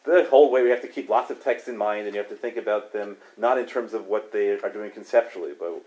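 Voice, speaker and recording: A man's voice: on the low side, darkish tone. A man teaching a class on Talmud study in a loose, conversational way, often tagging "right?" onto his points. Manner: conversational, many "right?" asides, quick restarts, chuckles. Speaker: Torah teacher.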